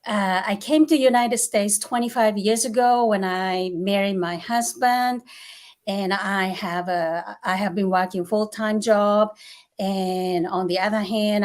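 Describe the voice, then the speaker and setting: A woman in her forties from Japan speaks with a Japanese accent as a guest in a casual interview. Her voice sits at a middle pitch, and she talks in an upbeat, polite way. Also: darkish tone. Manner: upbeat, polite, laughs easily.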